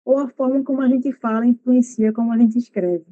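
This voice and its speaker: A woman's voice: a little high, fairly even intonation, a little fast, dark tone, no room sound. Hesitant woman student on a muffled mic. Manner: hesitant, thinking aloud. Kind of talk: asking a question in class.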